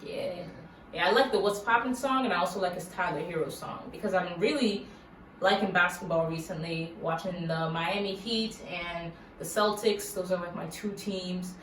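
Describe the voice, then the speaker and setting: A woman's voice: fairly low pitch, normal speed, a bit bright. A young woman from Massachusetts, chatting casually and giggly in a Q&A vlog, filled with "like". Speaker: YouTuber. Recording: echoey room, mic at a distance, faint hiss.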